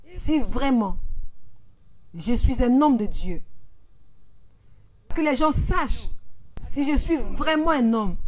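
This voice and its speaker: A woman giving the voice-over for a fiery sermon, speaking with slow emphasis and rising into shouted calls to the congregation. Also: on the high side. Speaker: preacher voice-over.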